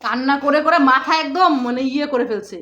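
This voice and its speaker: A woman's voice: high-pitched, fast talker, bright, forceful tone, muffled recording. A woman filming a home video, coaxing and soothing a crying child in a playful way. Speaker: family vlogger filming a child. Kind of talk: casual home video chat. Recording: noisy home recording.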